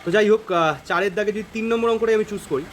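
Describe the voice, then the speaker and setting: A man's voice: sits high, racing, noisy background. A man teaching calculus in a casual, informal way, thinking aloud as he works through problems. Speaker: math teacher. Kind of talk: informal math lesson.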